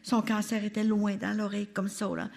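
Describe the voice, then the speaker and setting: An older woman with a Canadian French accent gives an animated testimony at a religious retreat. She talks straight to her listeners and keeps turning back to them as she tells her story. Her voice sits in a middle pitch. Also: a little fast, creaky.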